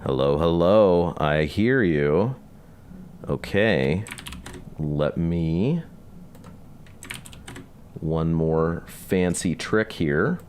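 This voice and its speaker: A man hosting a live online chat, talking casually and haltingly with many fillers. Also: low-pitched, slight background noise. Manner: relaxed, halting, lots of fillers. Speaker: host of a live release party.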